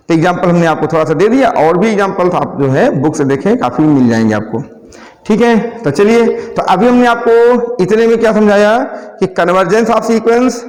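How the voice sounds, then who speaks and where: A man teaches a math class in a lively, high-pitched voice that swings widely. He checks in with his students and slows right down to dictate English terms. The long reverb of a classroom trails behind every word. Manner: explains step by step, often checking in with listeners; dictates English terms slowly while writing.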